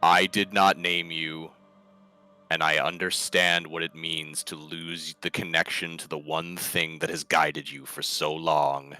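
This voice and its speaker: A compassionate adventurer, played by a man at the table, speaks low, slow and soft. His tone is bright and earnest. Faint music runs behind him. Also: level tone, smooth, no room sound, heavily acted. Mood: gentle earnest.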